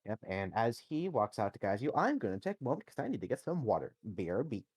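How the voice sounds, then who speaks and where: A man running a tabletop game as game master, narrating in a relaxed, joking way. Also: mid-range voice, fast, husky, dry recording.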